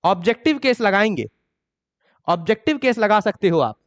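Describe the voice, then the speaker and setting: Indian man, grammar teacher, exam-prep lesson, scolding and emphatic, somewhat high voice, long room reverb. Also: very animated. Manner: scolding, mocks students' excuses in a higher voice; reads English examples slowly and deliberately.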